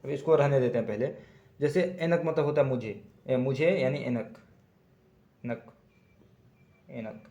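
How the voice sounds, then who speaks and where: Halting Hindi-speaking male tutor. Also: medium pitch, mellow, muffled recording. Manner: halting, self-correcting, repeats words slowly. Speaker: language teacher. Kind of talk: casual spoken lesson. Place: Tamil-speaking region.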